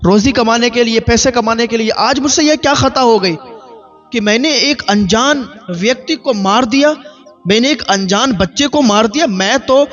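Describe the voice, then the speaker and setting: A man preacher voicing a desperate young male migrant worker who pleads that he killed by accident. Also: fairly bright tone. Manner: anguished, pleading, voice pushed high. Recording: dull lo-fi with faint music.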